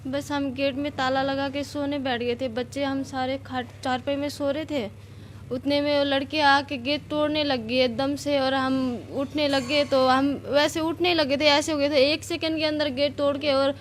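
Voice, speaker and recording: A shaken woman from Nepal tells what happened in a high voice, rambling and plain. Faint ambient noise hums behind her. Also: flat delivery, moderate pace. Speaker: interviewee, assault victim. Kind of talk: news interview answers.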